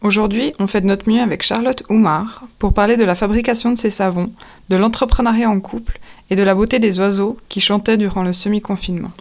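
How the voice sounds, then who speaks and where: A woman's voice: medium pitch, fairly even intonation, brisk, darkish tone. A woman hosting a podcast interview, friendly, with short encouraging replies. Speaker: podcast host.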